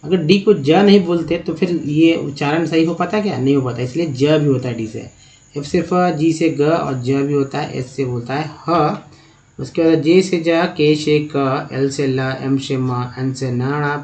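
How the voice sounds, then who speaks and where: A man's voice: a little high, fairly even intonation, a little slow, darkish tone. A man teaching English spelling and pronunciation in a spoken lesson, explaining step by step and putting questions to the viewer. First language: Hindi.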